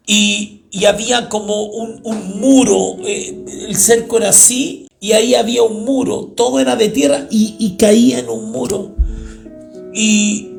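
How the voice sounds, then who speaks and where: Male pastor, sermon, high voice, gravelly fry, faint music behind. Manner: emotional, builds to shouting and crying cries.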